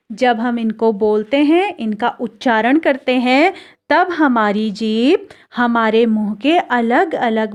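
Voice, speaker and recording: Slow, patient woman teacher. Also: a little high, darkish tone. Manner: slow, patient, has pupils repeat sounds after her. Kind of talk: classroom lesson on pronunciation.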